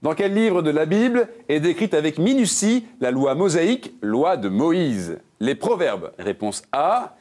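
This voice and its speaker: A jokey quiz-show host whose pitch swings up and down as he reads each question. He sits a little high for a man and keeps things light, slipping puns between the answer options. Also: big pitch swings, a little slow, hardly any pauses, a little mellow. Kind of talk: game show hosting with puns.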